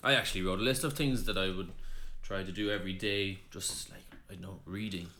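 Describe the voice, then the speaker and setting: Laid-back male co-host who asks questions; deeper voice in a roomy recording. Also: fairly even intonation, brisk, bright, forceful tone. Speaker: podcast co-host. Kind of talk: casual chat. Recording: roomy echo, faint hiss.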